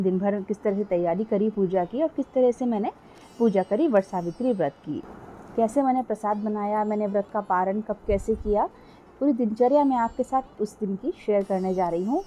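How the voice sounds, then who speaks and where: With a mellow, mid-range voice and a little hiss or hum on the recording, a middle-aged cooking vlogger provides a casual voice-over. She chats through each step and frequently talks straight to the people watching.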